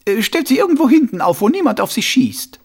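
A man's voice: extremely high pitch, very animated, fairly quick, gravelly, husky, voice pushed up, full character voice. A man doing a fussy, worried older woman. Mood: fussing.

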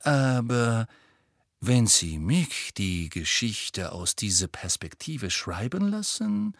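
A man's voice: medium pitch, sing-song, takes it slowly, vocal fry, no echo, studio quality, full character voice. A man voicing a pushy, scheming middle-aged woman reporter, gushing and prying in a storybook reading. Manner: gushing, prying, dramatic emphasis.

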